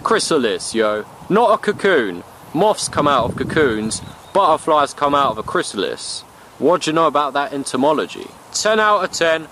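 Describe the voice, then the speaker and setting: A man's voice: fairly high pitch, fairly bright tone, a little hiss or hum. A young man from the UK narrating a bushcraft trip outdoors in a playful, slangy way. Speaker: bushcraft vlogger. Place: outdoors in woods and meadow.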